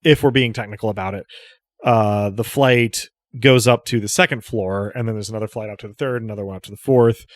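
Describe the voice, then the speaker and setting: A man acting as game master, improvising casual narration in a halting way, thinking aloud as he goes. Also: lowish voice, steady tone, no room sound.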